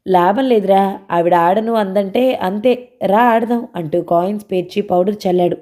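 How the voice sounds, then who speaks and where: A woman's voice: moderate pace, mellow. A woman narrating a novel aloud and voicing the characters' dialogue. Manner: changes pitch slightly for characters' quoted lines.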